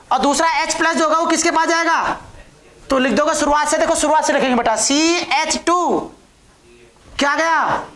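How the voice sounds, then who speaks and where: In an echoey room, a woman gives a chemistry lecture, coaxing her students with questions she then answers herself. Her voice sits high and sounds a bit bright.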